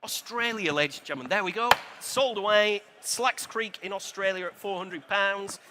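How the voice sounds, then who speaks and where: High-pitched British man calling an auction. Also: heavy background noise. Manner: brisk auctioneer's chant, repeating figures and urging bidders. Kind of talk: live auction calling with repeated bids. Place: live auction sale room.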